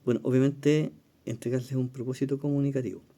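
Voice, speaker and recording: A man's voice: mid-range voice, steady tone, fast, mellow. A man with a Chilean Spanish accent walking through exam questions in a recorded lesson, explaining step by step, thinking aloud with fillers and checking in with his listeners. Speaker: teacher reviewing exam questions.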